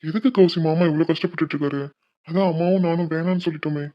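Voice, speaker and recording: A single performer carries the male and female parts of a home-made animated cartoon, shifting from friendly school chatter to a son's pleading and a brother's harsh scolding. The sound is slightly dull and muffled, the pitch sits mid-range. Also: quick pace. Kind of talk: animated Tamil cartoon voice acting.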